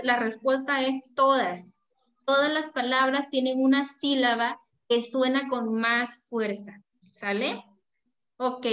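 A woman's voice: sits high, fairly bright tone, echoey room. A woman teacher giving an online class, affectionate, often checking in with the pupils. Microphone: video call.

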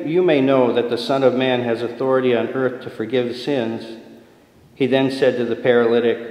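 A man reads scripture at Mass in a measured, formal cadence. His voice sits at an ordinary pitch for a man, and the cathedral echo carries each phrase away with a long reverb tail. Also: a little mellow. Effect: cathedral echo, long church reverb. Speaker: deacon reading at Mass. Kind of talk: liturgical scripture reading. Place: large church. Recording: echoey large church with long reverb.

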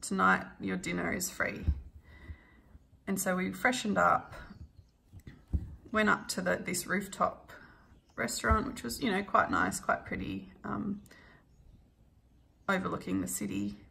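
Chatty woman with a gravelly creak. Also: medium pitch, steady tone, a little slow, pauses often, sharp tone, a little hiss or hum. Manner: chatty, laughs often, frequent ums. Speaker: cross stitch vlogger. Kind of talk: casual storytelling while stitching.

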